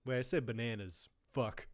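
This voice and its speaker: A young man live streaming, chatting casually and joking, tossing in playful Spanish phrases. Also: mid-range voice.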